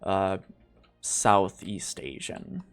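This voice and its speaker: A man narrating as game master of a tabletop game on a live stream, relaxed and thinking aloud. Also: sits low, extremely slow, creaky, smooth.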